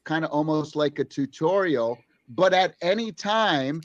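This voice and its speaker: A man making a casual, persuasive pitch in conversation, halting and repeating himself earnestly, heard on lo-fi playback. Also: expressive, a little hiss or hum. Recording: dull, dry, lo-fi played-back audio.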